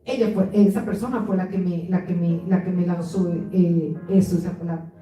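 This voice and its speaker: A woman's voice: lowish voice, fairly even intonation, moderate pace, mellow, a little hiss or hum. Woman preaching in a very echoey room. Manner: earnest, repeats and restarts words, acts out quoted voices. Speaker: pastor. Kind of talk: sermon. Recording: echoey church room, mic at a distance, faint music.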